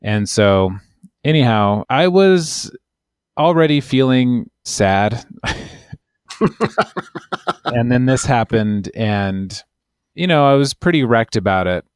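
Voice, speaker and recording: A man's voice: mid-range voice, animated, slow pace, pauses often, clear, resonant tone, dry recording, studio quality. A man, an immigration lawyer, telling a long, wry, rambling story in casual podcast chat.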